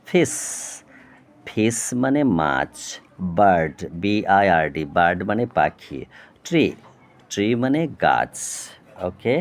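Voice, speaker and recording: A man teaching a lesson at a board, explaining slowly and patiently, spelling out words and often checking with "okay?". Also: on the low side. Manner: slow, patient, repeats "okay?" to check understanding; spells words out and breaks them into parts. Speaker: tutor.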